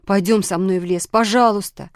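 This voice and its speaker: A woman voicing a flustered, tearful female letter of the alphabet in a children's audiobook, talking loud and high. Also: fairly even intonation, normal speed, dry recording, studio quality, close to an everyday voice. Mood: anxious pleading.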